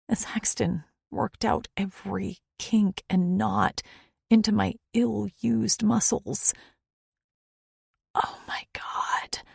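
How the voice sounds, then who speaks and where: Husky woman reading a novel aloud. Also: on the low side, darkish tone, dry recording, clean studio sound. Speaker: audiobook narrator. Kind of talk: first-person audiobook narration.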